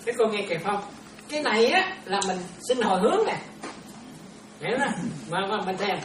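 A nun gives a relaxed dharma talk, chatting with her disciples and keeping them engaged. Her mid-pitched voice sounds distant, as if the mic sits across an echoing room. A steady background noise runs beneath her words. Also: moderate pace. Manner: chatty, keeps checking listeners follow. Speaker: Buddhist nun teaching disciples. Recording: roomy, distant, noisy room recording.

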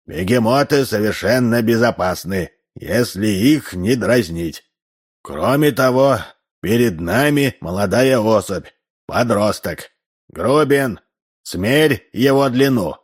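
A man voicing a fussy, pedantic old neighbour who lectures slowly in a storybook reading. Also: fairly low pitch, animated, breathy edge, heavily acted. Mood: lecturing. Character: fussy know-it-all old man Lozhkin.

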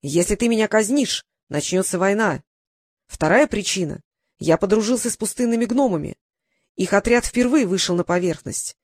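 A woman voicing an earnest young male wizard in an audiobook, pleading and quick to argue. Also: mid-range voice, darkish tone, no echo, clean studio sound, close to an everyday voice. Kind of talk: audiobook character reading.

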